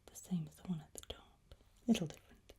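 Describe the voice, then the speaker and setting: Playing an examiner for ASMR, a woman whispers fairly quickly in a husky, breathy voice, keeping a gentle, encouraging and reassuring manner.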